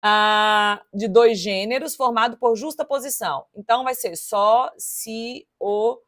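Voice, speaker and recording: A woman teaches grammar for a public exam. Her voice sits fairly high, and she talks in a lively, chatty way, counting syllables aloud and speaking straight to her students. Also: unhurried. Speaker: Portuguese teacher. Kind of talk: exam-prep lesson, solving test questions aloud.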